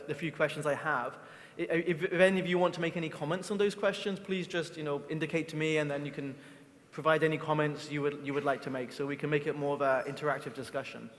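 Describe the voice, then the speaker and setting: A man moderating a conference panel from a lectern, talking hesitantly and often repeating words. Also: on the high side. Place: large conference hall, standing at lectern. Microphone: lectern microphone. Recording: long hall reverb.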